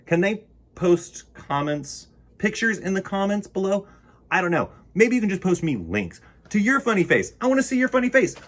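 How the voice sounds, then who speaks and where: A male storytime host speaks in a high, sing-song voice at a moderate pace. He reads a picture book and chats with young listeners in a playful, whimsical, rambling style.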